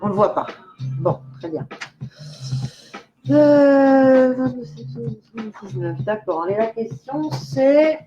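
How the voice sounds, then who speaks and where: A woman's voice: a little high, animated, takes it slowly, long pauses, highs cut off, soft background music. Chatty, giggly older woman medium. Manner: chatty, giggly, talks directly to viewers. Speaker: clairvoyant medium hosting a live stream. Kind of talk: casual live-stream chat.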